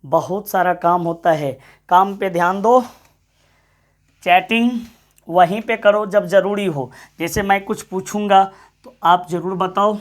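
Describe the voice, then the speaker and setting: A male English teacher, lecturing an online class. He repeats words over and over and urges his students on, calling them his friends. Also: sits high. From Bihar, India. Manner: addresses students as friends, gives pep talks.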